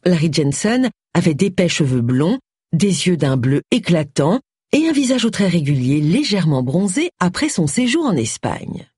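A woman narrating a novel in a lively, expressive way with a breathy voice. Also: fairly low pitch, moderate pace, no room sound, studio quality. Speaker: audiobook narrator. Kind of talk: scripted narration.

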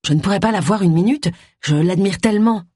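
A woman voicing an eager young male detective, earnest and flattering, with a husky voice. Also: mid-range voice, brisk, close to an everyday voice.

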